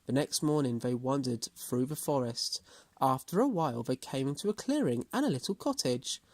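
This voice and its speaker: A man's voice: medium pitch, expressive, moderate pace, no room sound. A man reading a children's storybook aloud as a storyteller.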